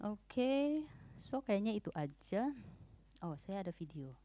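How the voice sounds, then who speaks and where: A woman's voice: medium pitch, very animated, slow, warm tone, no room sound. A woman giving an informal, emphatic church talk on parenting, often mixing English words into her speech.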